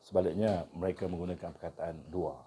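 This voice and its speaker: A man's voice: low-pitched, steady tone, fast talker, mellow, slight background noise. A man giving an informal dialect lesson, explaining each word and repeating it with its meaning. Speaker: teacher of Kedah dialect words.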